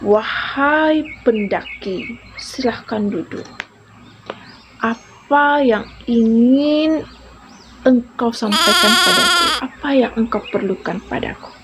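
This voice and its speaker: A woman reading a slow, solemn storybook sorcerer. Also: a little high, animated, noisy background. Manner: slow, drawn-out and formal. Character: solemn powerful sorcerer in a mountain hut. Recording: music playing underneath.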